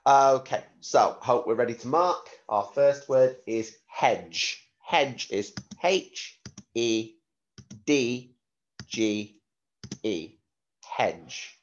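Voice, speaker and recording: A medium-pitched man plays a primary school teacher giving spelling dictation, slowly and deliberately repeating each word and spelling it out letter by letter. The audio is dull, with slight background noise.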